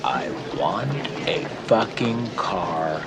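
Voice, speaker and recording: A furious, profane traveler. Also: male voice, low voice, expressive, extremely slow, heavily acted. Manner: profane, seething ranting. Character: furious stranded man at a car rental counter. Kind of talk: film clip. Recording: noisy film clip.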